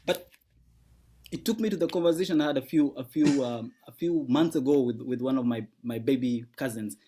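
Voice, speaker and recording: Calling in by video from home late in the evening, this South Sudanese guest comic delivers easygoing stand-up, laughing as he goes and repeating himself. He speaks briskly in a mid-range voice with a dark tone.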